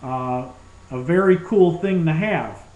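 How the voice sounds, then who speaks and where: A man presenting survival gear gives an informal, enthusiastic product demonstration in a fairly high, darkish voice, taking it slowly. The sound is lo-fi, roomy and echoing.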